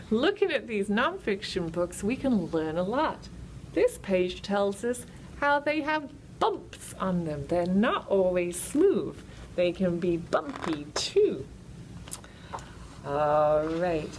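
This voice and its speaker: Lady doing kids storytime, sing-song and slow, voice swoops around, bit of background noise. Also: medium pitch, poor audio. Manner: sing-song, addressing young children. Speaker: children's librarian and storytime host. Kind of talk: children's storytime, sing-along and simple explaining.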